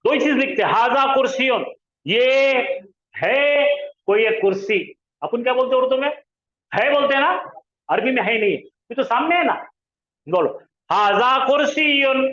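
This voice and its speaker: A man's voice: very high-pitched, lively intonation, moderate pace, fairly bright tone. A male teacher, leading a classroom lesson and coaxing students to repeat words aloud. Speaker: Arabic grammar teacher. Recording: roomy, dull lo-fi sound.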